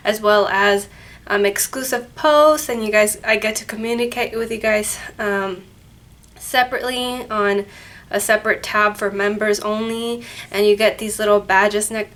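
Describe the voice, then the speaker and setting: Congested and nasal with a cold, this woman hosts her paranormal channel from an office at work, rambling casually to camera and correcting herself along the way. Her voice is mid-range and a bit bright, recorded on the camera mic without a dedicated microphone.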